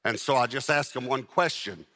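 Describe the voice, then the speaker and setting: A man's voice: medium pitch, normal speed, pushed and bright. Emphatic preacher man in a reverberant hall. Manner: emphatic, repeats and stretches key words; addresses a live congregation. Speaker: pastor. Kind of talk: sermon. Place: church with a congregation.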